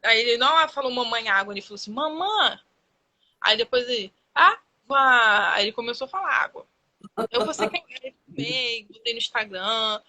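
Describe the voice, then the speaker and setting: A woman's voice: on the high side, lively intonation, brisk, pushed and bright, rough recording. A woman with a Brazilian Portuguese accent, a guest mother telling stories in a live-stream conversation and acting out her child's words.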